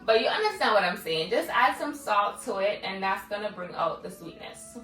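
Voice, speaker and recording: A cooking vlogger with a Jamaican accent chats away, filling her speech with "like" and "guys," in a sing-song, mid-range voice that's a bit bright and moderately paced. Music sits under the audio, which is captured by a far mic in an echoey room.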